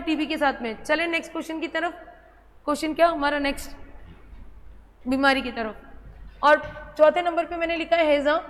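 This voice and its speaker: A fairly bright, high-sitting female voice leads a biology lesson at the board, going over key terms again and quizzing students she warmly calls child. There's hall reverb along with faint ambient noise.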